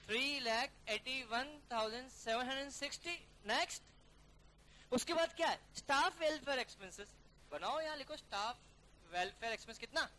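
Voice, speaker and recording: Male teacher, bright forceful voice, drills a class through a worked problem, faint hiss behind. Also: very high-pitched, lively intonation. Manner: brisk, coaxing students to call out figures; calls students "beta" and "yaar". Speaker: accounting teacher.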